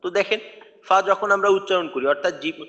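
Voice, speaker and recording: High-voiced man teaching letter sounds. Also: fast talker, bright, forceful tone, long reverb tail, highs cut off. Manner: patient, repeats letter sounds to demonstrate pronunciation. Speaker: tajweed teacher. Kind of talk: recorded online lecture.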